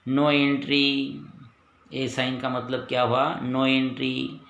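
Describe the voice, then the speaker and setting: A man's voice: mid-range voice, monotone, slow, creaky, a bit bright, reverberant, dull audio, a little hiss or hum. A man teaching pupils, patiently repeating each point and asking then answering his own questions. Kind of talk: lesson for pupils.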